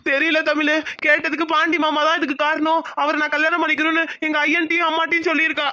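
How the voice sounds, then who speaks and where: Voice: high voice, level tone, fast talker, background noise, natural voice. A performer voicing a troubled young village man in a cartoon, hesitant and then reassuring. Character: young village man torn between love and family. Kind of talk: cartoon voice acting.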